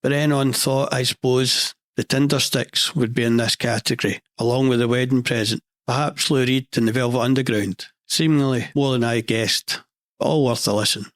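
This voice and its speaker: A middle-aged Scottish man with a monotone delivery, hosting a scripted podcast monologue with dry, deadpan humour. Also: medium pitch, normal speed, no room sound. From Scotland. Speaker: podcast host.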